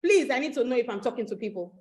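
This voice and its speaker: A woman with a Nigerian accent giving a motivational webinar talk, animated, repeating phrases and asking the audience questions. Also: a little high, very fast, rough recording. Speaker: webinar host and coach.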